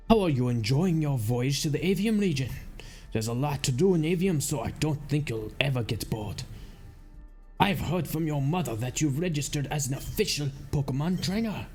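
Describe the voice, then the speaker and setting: A man's voice: a little high, mellow, slightly rough. A man voicing a genial, formal male ship captain in a put-on accent while reading game dialogue aloud. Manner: formal, teasing, welcoming.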